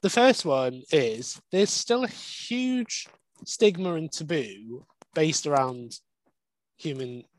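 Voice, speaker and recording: A man's voice: fairly high pitch, lively intonation, takes it slowly, rough recording. A young man, a dog behaviourist, talking candidly and at length in a podcast interview. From Wales. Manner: candid, conversational, explains at length.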